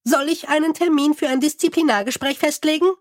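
A man voicing a tiny, fussy, eager male imp with a high chirpy voice, in an audiobook reading. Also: brisk. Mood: eager chirping.

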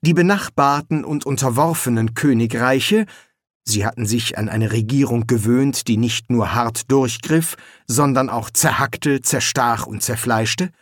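A man reading an audiobook in a measured, expressive storybook narration. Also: medium pitch, no echo, clean studio sound.

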